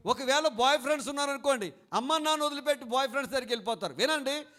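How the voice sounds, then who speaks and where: A man's voice: very high voice, racing. A man preaching a sermon as pastor, leading the congregation to repeat after him, telling homely stories and asking them questions. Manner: fervent preaching, leading a congregation in call-and-response and shouted prayer; asks listeners questions and tells homely stories.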